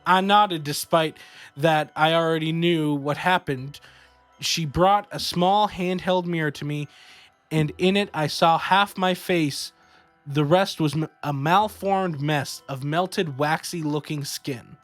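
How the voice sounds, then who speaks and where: A man co-hosting a podcast, reading a horror story aloud in a slow, steady storytelling way. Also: fairly high pitch, no room sound, faint music behind. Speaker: podcast co-host.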